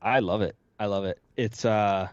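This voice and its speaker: A man guest on a podcast, talking in a quick, matter-of-fact casual way. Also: fairly low pitch, fairly even intonation, clear, resonant tone, dry recording, dull audio.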